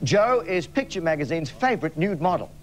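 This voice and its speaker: An Australian man with a voice on the high side and big pitch swings speaks fairly quickly as host of a live TV comedy show. He tells a mock bedtime story with campy, cheeky asides, captured in noisy live television studio sound.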